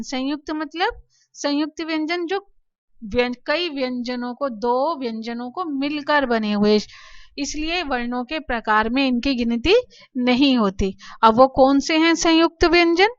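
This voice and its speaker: A woman teaching children Sanskrit letters, explaining slowly and patiently, asking questions and answering them herself. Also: sits high, a bit bright, dry recording, lo-fi sound. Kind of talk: slow classroom explanation to children.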